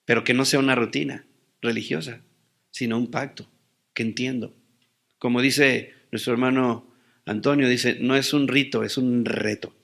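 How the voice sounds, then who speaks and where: A man's voice: medium pitch, steady tone, moderate pace, gravelly, a bit bright. A man preaching a sermon as pastor, asking rhetorical questions and answering them with rising emphasis.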